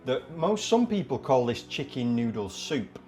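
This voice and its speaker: A man's voice: mid-range voice, very animated, normal speed, darkish tone, soft background music. A British man co-hosting a casual cooking video at home, playful and mock-dramatic. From Britain. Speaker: co-host. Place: home kitchen.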